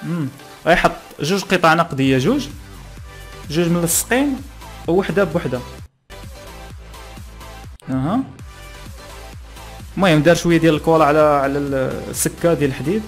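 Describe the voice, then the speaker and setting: A young man with a Moroccan accent giving casual, halting reaction commentary in Moroccan Arabic dialect as a channel host, close on a desk microphone. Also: fairly high pitch, lively intonation, soft background music. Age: young adult. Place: small plain room indoors.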